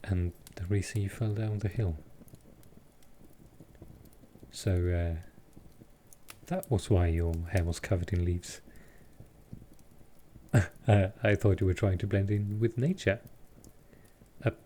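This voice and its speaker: A man's voice sits low as he plays a centuries-old vampire, courteous and gentle, in intimate roleplay audio. Soft-spoken and unhurried, he reassures and calms with a gently teasing mood, over a little hiss or hum.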